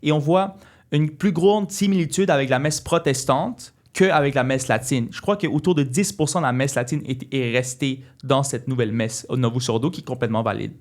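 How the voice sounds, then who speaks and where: Earnest young man. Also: mid-range voice. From Quebec. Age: 20s. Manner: earnest, halting with many restarts. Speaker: interview guest. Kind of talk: casual interview talk.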